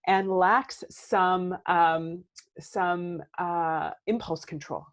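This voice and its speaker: Earnest woman therapist, lower voice. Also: steady tone, extremely slow. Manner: earnest, reflective, often asks rhetorical "right?". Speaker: therapist and coach, podcast guest. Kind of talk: casual podcast conversation.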